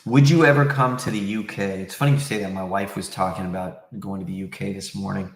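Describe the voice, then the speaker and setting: A man's voice: deep voice, fairly even intonation, a little fast. A man hosting a casual livestream, rambling conversationally as he answers viewers, recorded in a very echoey room. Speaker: livestream host.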